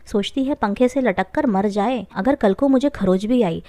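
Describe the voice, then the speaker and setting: A woman voicing a stern, sharp-tongued elderly mother-in-law who scolds bluntly in a family story. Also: mid-range voice, normal speed, no echo, lightly acted. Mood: plaintive.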